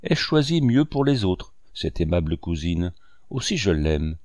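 A man's voice: low voice, sing-song, measured pace, darkish tone, dry recording, studio quality. A man voicing a vain, fussy young married woman who chatters petulantly about herself in a storybook reading. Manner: petulant, self-absorbed chatter.

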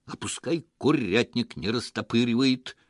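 A man voicing a loud, agitated unshaven villager. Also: very animated, takes it slowly, no echo, clean studio sound. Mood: angry shouting. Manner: loud, agitated, high-pitched outbursts. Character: unshaven grumpy rural man, shouting.

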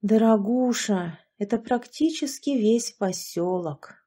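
A woman's voice: a little high, expressive, takes it slowly, dark tone, slightly rough, exaggerated voice. A woman voicing a grim, bitter old village man who grumbles and bursts out angrily. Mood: weary.

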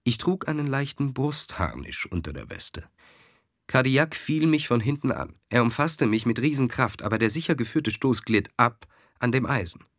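A man's voice: medium pitch, fairly bright tone, no echo, studio quality. A man voicing a proud army officer who speaks earnestly and with emphasis. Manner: earnest, emphatic soldierly speech.

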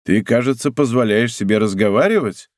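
A man reading an audiobook, voicing a cool, brooding musketeer who speaks in a low, hollow, measured way. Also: no room sound, clean studio sound, lightly acted. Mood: grave. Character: cool, brooding older musketeer, grave and commanding.

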